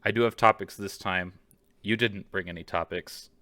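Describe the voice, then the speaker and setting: A man's voice: low voice, steady tone, normal speed, sharp tone, no room sound. A man co-hosting a podcast over a video call, chatting casually, joking and swearing freely. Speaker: podcast co-host. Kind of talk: casual chat. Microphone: video call microphone.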